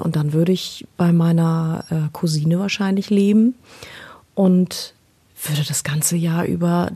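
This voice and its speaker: A woman's voice: lowish voice, dark tone, breathy edge. A woman in her thirties from Germany, answering interview questions in an earnest way, with many hesitations and repeated words. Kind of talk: personal interview.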